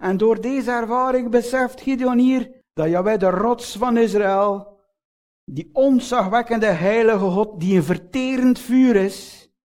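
A Flemish man delivers a sermon in a fairly high-pitched voice, speaking straight to his listeners and asking them question after question. He lifts some phrases with emphasis, then lets others sink into a low, slow hush. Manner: earnest, addresses listeners directly with frequent rhetorical questions; swings between raised emphatic phrases and low, slowed, hushed endings. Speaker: preacher.

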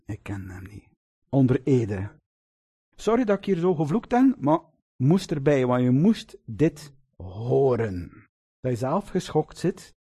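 A man delivering a sermon in a high-pitched voice. His pitch swings widely as he tells the story, and he keeps drawing the congregation in with tag questions and fond asides. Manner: lively storytelling, addresses listeners with "lieve mensen" and tag questions. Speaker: preacher.

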